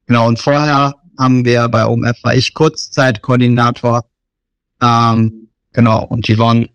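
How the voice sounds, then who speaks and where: A man in his thirties from Germany, working as a missionary, answers interview questions in a relaxed, hesitant way. His pitch is average, and the recording is dry and close. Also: normal speed, clear, resonant tone, dry recording. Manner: relaxed, filler-heavy talk.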